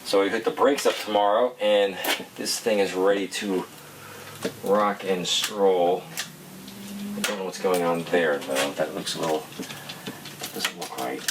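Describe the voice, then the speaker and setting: A man's voice: deep voice, moderate pace, background noise. A man casually talking his way through a bike build, rambling and muttering to himself as he tinkers. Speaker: BMX shop founder building a bike. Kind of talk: casual running commentary while working. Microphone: action camera mic.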